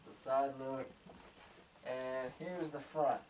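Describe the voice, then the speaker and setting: A man's voice: medium pitch, fairly even intonation, slow, a little mellow. Man muffled inside a helmet. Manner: plain, offhand talk with fillers. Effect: voice muffled inside a closed helmet. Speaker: cosplayer showing his costume. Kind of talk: casual show-and-tell. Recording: distant mic with faint noise.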